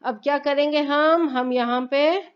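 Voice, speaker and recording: Slow, patient woman teaching grammar. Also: high-pitched, steady tone, dull audio. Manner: patient, repeats points and asks herself questions; recites Arabic phrases slowly and carefully. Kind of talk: slow explanatory lesson.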